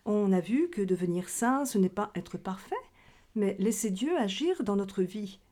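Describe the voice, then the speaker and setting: Here a woman teaches catechism to children, explaining simply in a question-and-answer religion lesson. She has a medium-pitched, dark-toned voice that is expressive and unhurried.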